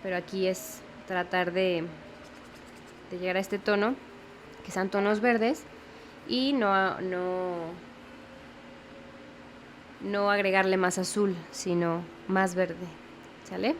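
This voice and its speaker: A young woman walks through a watercolor lesson, unhurried and patient, checking in with the viewer as she goes. Her voice sits in a middle pitch for a woman. A faint hiss of background noise runs under the recording. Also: steady tone. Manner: patient, explains slowly, often checks in with the viewer. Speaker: watercolor teacher. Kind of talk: step-by-step painting tutorial.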